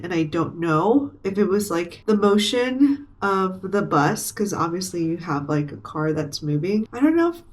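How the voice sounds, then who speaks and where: A woman's voice: mid-range voice, a little mellow. A young woman vlogging casually at home, sounding congested and stuffy-nosed as she rambles in a chatty, mildly irritated way. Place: her apartment kitchen at home.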